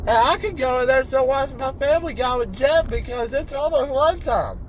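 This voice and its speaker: Teen male, high voice, groggy after wisdom teeth removal, insistent unfiltered rambling, recorded in a car. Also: fairly quick. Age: teenager, fifteen. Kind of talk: rambling casual chat. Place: inside a car. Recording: noisy car interior.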